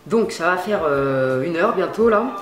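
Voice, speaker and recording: A woman's voice: on the low side, animated, unhurried, roomy sound, over loud music. A woman chatting casually while demonstrating how she dyes her hair, slangy and full of fillers. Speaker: beauty vlogger. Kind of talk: casual hair-dye tutorial chat. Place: home at night.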